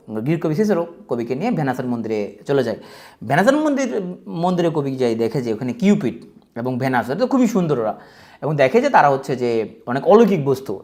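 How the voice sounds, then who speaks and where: A man's voice: medium pitch, dark tone. A man with a Bangladeshi Bengali accent giving a casual exam-prep lecture, chatty and joking as he speaks straight to his students. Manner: chatty, joking, colloquial, addresses students directly.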